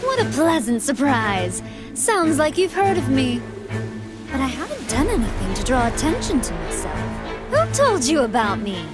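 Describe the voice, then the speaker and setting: An airy female android villain speaks in a high, swooping voice over loud music. She is sweetly polite and flippant, with playful menace, in English-dubbed anime game style. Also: big pitch swings, moderate pace. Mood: sweet, coy.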